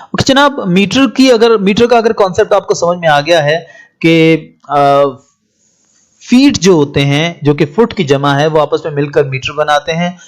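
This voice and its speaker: A man teaching a lesson, reading English lines slowly and then explaining them, politely addressing listeners as "janab". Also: fairly high pitch. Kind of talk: lecture on poetry.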